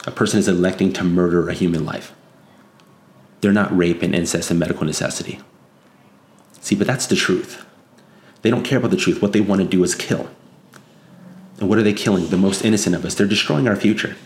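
Deep-voiced man, insistent warning monologue. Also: steady tone, brisk, pauses often. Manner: earnest, insistent, moralizing, repeats phrases for emphasis. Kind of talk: unscripted opinion monologue. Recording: echoey room, faint background noise.

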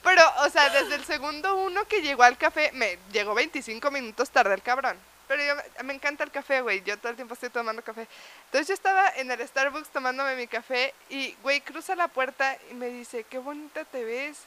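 A woman's voice: sits high, brisk, bright, forceful tone. A young woman with a Mexican accent, telling a story in casual chat. She swears freely and animates the tale with laughter.

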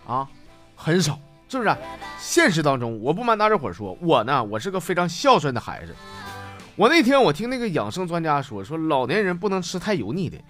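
A man's voice: a little high, brisk, soft background music. A man with a Northeastern Chinese accent hosting a comedy podcast, telling jokes and laughing at them himself. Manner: lively, laughs at own jokes.

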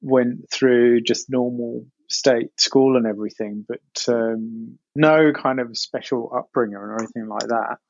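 A middle-aged man with an Essex accent, casually recalling his past as an interview guest in an informal, halting way, thinking aloud. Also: mid-range voice, steady tone, creaky, no room sound, muffled recording. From Essex, England. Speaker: interview guest, game industry producer. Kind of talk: casual personal recollection.

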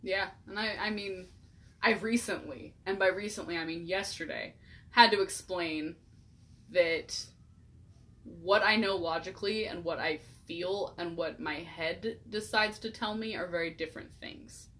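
A woman's voice: fairly low pitch, measured pace, fairly bright tone. A woman in casual chat, talking bluntly with heavy swearing.

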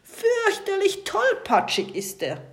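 A vain, pot-bellied sky pirate captain voiced by a woman who blusters and shouts in a high, loud voice. He is grumpy and full of himself, a bedtime storybook figure. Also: wildly swooping pitch, slow, heavily acted. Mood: blustering.

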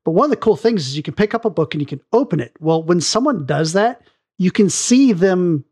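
A man co-hosting a gaming podcast in casual chat, explaining things quickly and eagerly. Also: sits high, lively intonation, darkish tone, slightly rough. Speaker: podcast co-host.

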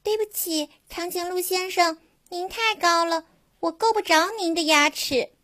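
A woman's voice: extremely high pitch, voice pushed up. Woman doing a timid little mouse doctor. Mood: apologetic. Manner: soft, apologetic and quick. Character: small polite mouse doctor, timid and apologetic.

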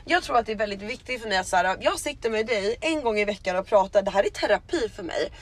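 A woman's voice: medium pitch, animated, slight background noise. A young woman co-hosting a podcast, chatty and frank, often agreeing with her co-host. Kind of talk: casual chat.

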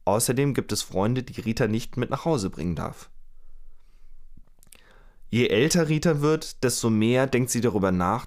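A man telling a true crime story to a co-host in a relaxed, conversational way, acting out quoted lines now and then. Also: on the low side. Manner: lively retelling with acted quotes. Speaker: podcast storyteller.

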